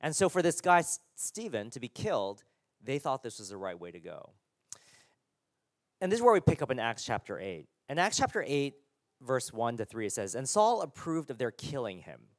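A man preaching a sermon to his congregation, his voice sitting in an ordinary middle range. He talks casually and haltingly, full of fillers and restarts. The sound is dry and close. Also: medium pitch, sing-song, dry recording. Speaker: pastor.

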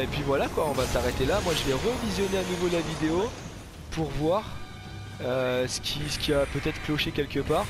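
A man giving casual game commentary as host of a gaming video, chatty, informal and slangy. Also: a little high.

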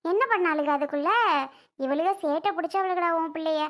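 A woman's voice: very high voice, fairly even intonation, moderate pace. A woman doing a fussing, scolding old grandmother. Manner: fussing, lecturing, with dramatic sighs. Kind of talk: family comedy skit acting.

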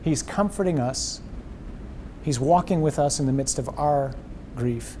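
With a warm, mellow tone, a priest hosts an informal faith discussion, speaking a little slowly but earnestly and with animation. He restarts phrases as his thoughts form. He's recorded indoors against a wall of memorial crosses, a faint rumble beneath him.

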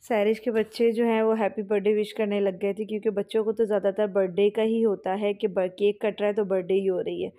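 Flat-voiced chatty woman vlogger. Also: medium pitch, a little fast, few pauses, slight background noise. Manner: chatty, rambling with fillers and restarts. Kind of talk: voice-over narration of a family outing.

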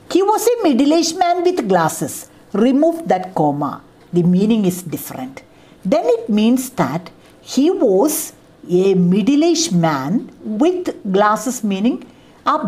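In a classroom lecture on literature, a middle-aged college teacher from India explains points with repeated examples, sprinkling in many "ah, see" fillers. Her Kerala-accented English comes in a medium-pitched, slightly mellow voice.

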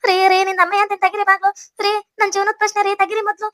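A woman's voice: very high-pitched, little pitch movement, fast talker, sharp tone, no echo, clean studio sound. A woman with a North Karnataka Kannada accent voicing a wronged young wife, wailing and pleading shrilly in a cartoon comedy. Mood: frantic.

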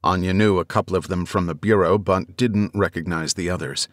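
Low-voiced man narrating an audiobook. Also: no room sound, studio quality. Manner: measured, even storytelling.

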